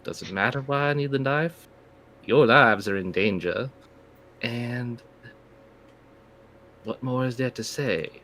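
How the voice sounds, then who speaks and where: A man's voice: medium pitch, slow pace, pauses often, a bit bright, slight background noise, pitched above the performer's own voice. Man doing a smug, theatrical mustache-twirling villain. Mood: threatening. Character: suave, gloating mustache-twirling villain, an undead sorcerer trickster.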